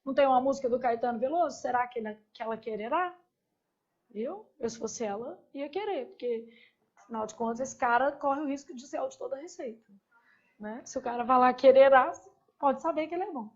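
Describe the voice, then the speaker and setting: A woman teaching a grammar lesson, drawing out each verb form slowly and quizzing the class with rhetorical questions. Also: high-pitched, a little mellow. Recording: dull, lo-fi lecture recording.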